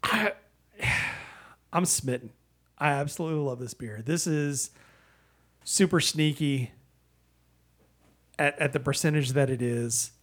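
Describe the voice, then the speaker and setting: A man who co-hosts a podcast, giving a casual, rambling and halting review in a conversational style. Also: fairly high pitch, a bit bright. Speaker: podcast co-host, beer reviewer. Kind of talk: casual beer review chat.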